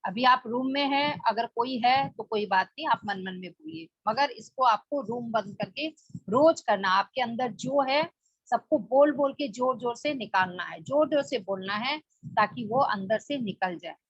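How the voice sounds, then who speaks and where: Husky woman teaching a book study. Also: a little high, moderate pace, fairly bright tone, dry recording. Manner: explains plainly, rhetorical questions. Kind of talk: spoken book study talk. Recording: dull lo-fi dry recording.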